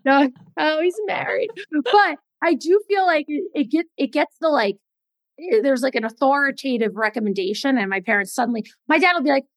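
Chatty, fast-talking woman cardiologist. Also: high-pitched, dry recording. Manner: chatty, animated storytelling with many fillers. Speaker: cardiologist guest. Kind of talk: casual podcast chat.

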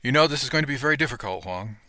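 A man's voice: medium pitch, lively intonation, racing, pushed and bright, no echo, voice pushed up. A man voicing a stern gray-haired woman captain. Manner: barking, clipped orders. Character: gruff older woman ship captain, stern.

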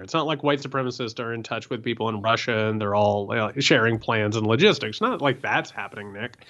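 A man co-hosting a political podcast, talking in an animated way and often repeating words as he builds a point. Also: medium pitch, muffled recording. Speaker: podcast co-host. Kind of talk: political commentary chat.

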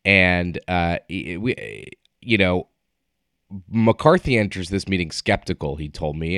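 A man's voice: low voice, clear, resonant tone, no echo, clean studio sound. A man co-hosting a political news podcast in a casual, joking way, with lots of fillers and restarts.

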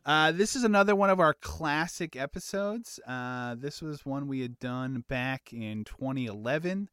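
Clear, dry-sounding man hosting a podcast. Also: medium pitch, animated, measured pace, fairly bright tone, no room sound. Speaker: podcast host. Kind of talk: casual comedic chat.

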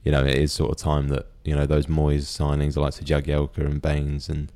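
A man chats as a football panelist in a quiet, matter-of-fact way. His voice is very deep and flat. He talks quickly. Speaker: podcast panelist. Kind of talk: casual football chat.

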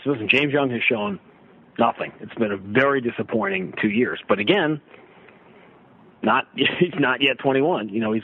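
On a sports radio show, a middle-aged guest with a husky, medium-pitched voice gives emphatic, conversational basketball analysis, often making his case through rhetorical questions. The sound is slightly muffled and limited in bandwidth, like radio.

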